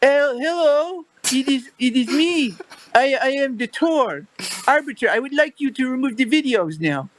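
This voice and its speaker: A man's voice: very high voice, animated, slight background noise, pitched above the performer's own voice. A man putting on a stilted, formal voice of someone pretending to be a friend. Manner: stiff halting formal delivery.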